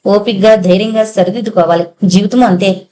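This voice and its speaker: A woman's voice: medium pitch, fairly even intonation, fairly quick, warm tone, a little hiss or hum, close to an everyday voice. A woman voicing a tough male outlaw who speaks harshly and with command. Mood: lecturing. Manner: harsh, commanding, then lecturing.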